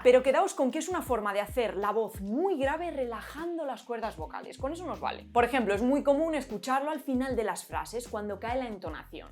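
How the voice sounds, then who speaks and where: A young woman with a Spain Spanish accent hosting a linguistics explainer, lively and playful, asking herself questions. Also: a little high. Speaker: linguistics video host. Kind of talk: scripted explainer.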